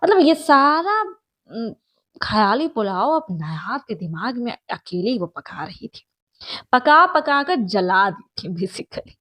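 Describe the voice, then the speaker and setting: A woman's voice: mid-range voice, big pitch swings, measured pace, sharp tone, no room sound. Chatty young woman telling a story. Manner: chatty, asides to listener, mixes in English words. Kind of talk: casual story narration.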